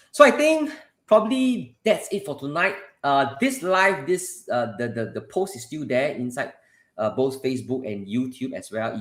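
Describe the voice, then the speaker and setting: A man's voice: medium pitch, a bit bright. Singaporean man hosting in an echoey room. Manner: repetitive, conversational, often addresses listeners directly. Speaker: live session host and property adviser. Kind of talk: casual live-stream advice. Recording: roomy, echoing sound.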